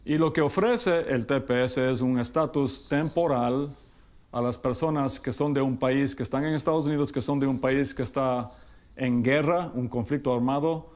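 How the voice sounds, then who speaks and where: Middle-aged male immigration lawyer from Ecuador, measured explainer, slows down for key terms, mid-pitched voice. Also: a little mellow. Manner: mixes English legal terms into Spanish. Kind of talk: explainer talk to camera.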